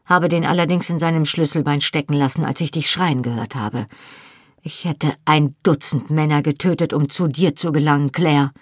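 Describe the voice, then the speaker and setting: A fierce young Highland husband, proud and stung, speaks low and rough with passion, as a woman narrator reads him. The voice sits deep and husky, set close and dry with no room sound. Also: moderate pace, no echo. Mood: raw, pained.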